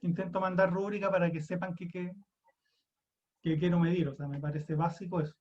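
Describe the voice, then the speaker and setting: A young Chilean man gives an online university lecture over a video call computer mic, casual and self-deprecating as he thinks aloud and restarts. His voice is high, with a darkish tone, little pitch movement and a slightly fast pace, and the audio is dull.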